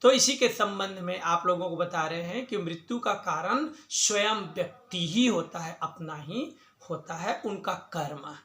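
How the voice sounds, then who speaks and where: A man's voice: sits high, lively intonation, a little slow, hardly any pauses, bright, forceful tone, a little hiss or hum. A man, a pandit, telling a religious story in an emphatic discourse style. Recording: echoey room.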